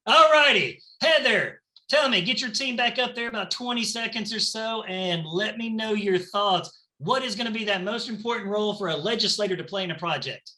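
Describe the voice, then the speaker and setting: Southern male game-show host; bright, high, playful banter. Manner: playful, chatty, quick banter. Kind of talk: upbeat game-show hosting.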